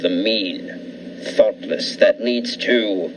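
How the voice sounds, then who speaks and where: A man playing a haughty, sinister host who introduces a 1940s radio thriller in a dramatic, deliberate, ominous way. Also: on the low side, loud music behind the voice. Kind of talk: 1940s radio suspense narration. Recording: distant, noisy mic.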